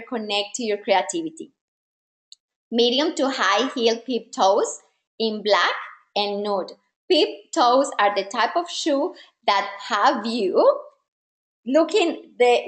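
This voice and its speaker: Heard with heavy reverb, a woman of medium pitch coaches other women on style during a live online masterclass. She is not a native English speaker, and her tone is upbeat and straightforward.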